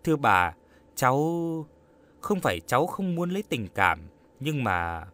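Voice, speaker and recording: A man's voice: on the high side, sing-song, moderate pace, a bit bright. A man reading an audiobook, voicing a polite, earnest young woman who speaks hesitantly.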